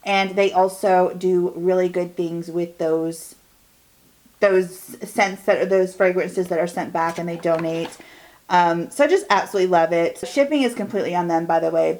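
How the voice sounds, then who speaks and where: A young woman talks in a bubbly, rambling way, firing off quick bursts of chatter. She is recorded at home, hosting a chatty get-ready-with-me beauty vlog. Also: on the low side, a little mellow. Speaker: beauty vlogger.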